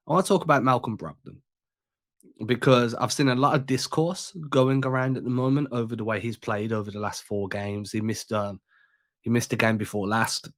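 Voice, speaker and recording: A congested man hosts a sports podcast, sounding sick and a little stuffed up. He chats in a loose, slangy way at a middling pitch, recorded close and dry. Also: fairly bright tone, dry recording. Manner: laid-back, slangy, chatty. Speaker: podcast host. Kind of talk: casual sports podcast chat.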